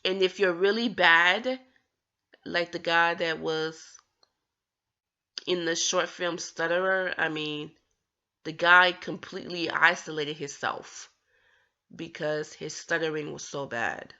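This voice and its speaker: A woman vlogger who stutters talks slowly and earnestly to the camera, her voice gravelly but bright, fairly low and fairly even in intonation. Now and then she stumbles and restarts a word, yet she stays encouraging. The audio is dull and lo-fi.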